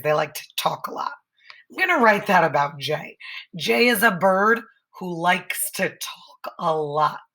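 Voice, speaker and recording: A woman teacher modeling writing for young children, thinking aloud patiently and slowly stretching each word into its sounds. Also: mid-range voice, bright, forceful tone.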